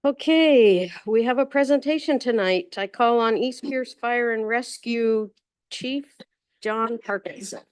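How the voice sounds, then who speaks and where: A woman's voice: a little high, a little slow, smooth, no room sound. A woman chairing a city council meeting, calling for motions and votes in a brief, matter-of-fact way. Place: council chamber.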